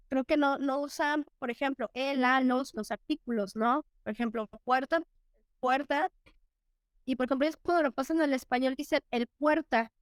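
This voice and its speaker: A woman's voice: high voice, clear, resonant tone, no echo, studio quality. A Mexican woman in her thirties, a teacher and interview guest, telling stories reflectively with many fillers and restarts.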